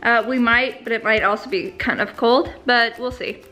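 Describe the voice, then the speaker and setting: A woman's voice: fairly high pitch, steady tone, normal speed, sharp tone. A young woman from the United States chatting casually to camera in a vlog, giggly and full of fillers. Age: young adult. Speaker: vlogger.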